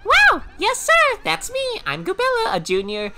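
A man's voice: very high-pitched, huge pitch swings, unhurried, pushed and bright, faint music behind, voice pushed up, exaggerated voice. A man voicing an eager young female Goomba archaeology student while reading game dialogue on stream.

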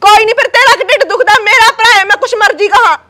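A woman acts out a crying married sister with a Punjabi accent who wails and bickers with her sister-in-law in a web drama. Her voice sits very high and sounds bright and piercing. She sobs through her words. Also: brisk. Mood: angry. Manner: wailing, quarrelsome. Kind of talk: Punjabi web-series acting.

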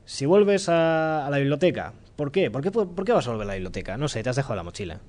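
A man with a Spanish accent from Spain giving a relaxed, joking live-coding talk in a lecture room, thinking aloud as he goes. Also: mid-range voice, fast talker. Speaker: conference speaker.

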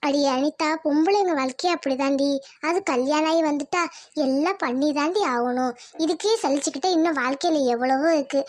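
A woman's voice: high voice, fairly quick, darkish tone, dry recording, lightly acted. A woman voicing a kindly older village neighbor woman who soothes and gives advice. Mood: soothing. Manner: soothing, advising.

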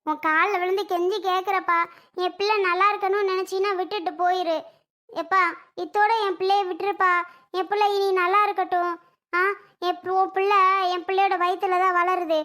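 Performer playing older cartoon mother, pleading, repetitive, very high pitch, bright tone. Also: level tone, brisk. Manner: begging, repeats herself. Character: older village mother pleading for her daughter. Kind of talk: Tamil cartoon drama dialogue.

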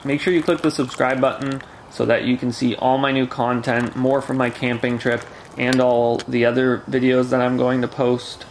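A man's voice: mid-range voice, little pitch movement, normal speed, hardly any pauses, a little hiss or hum. A man casually explaining how to make camp coffee, talking step by step at a picnic table in a forest. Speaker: camping gear reviewer.

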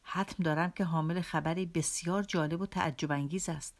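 A woman's voice: on the low side, fairly even intonation, natural voice. A woman reading an audiobook, voicing a sarcastic male devil who taunts his host. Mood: mocking. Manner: teasing, sarcastic. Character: mocking male devil visitor, sly and taunting.

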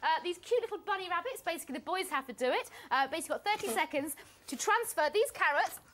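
A young woman presenting children's TV in a bubbly, excitable, giggly way. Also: very high-pitched, fast. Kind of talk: lively kids' TV presenting.

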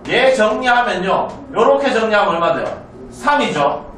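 A man's voice: high voice, very animated, a bit bright, slight background noise. A male math teacher lecturing a class, constantly checking with students whether they follow. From South Korea. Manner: asks students frequent check questions, brisk and chatty. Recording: roomy classroom, mic far off.

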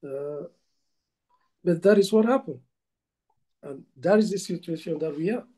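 A middle-aged man from Cameroon, a football coach, answering interview questions over a video call, pausing often with fillers and restarts. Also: fairly high pitch, warm tone, low-quality recording. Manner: hesitant, many fillers and restarts. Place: indoor room at home. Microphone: video call laptop mic.

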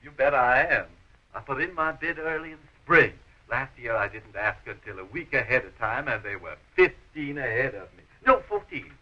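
A man's voice: medium pitch, lively intonation, normal speed, sharp tone. A man acting an earnest, polite young suitor in a stagey 1920s film style. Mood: eager. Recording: noisy, muffled 1920s film soundtrack.

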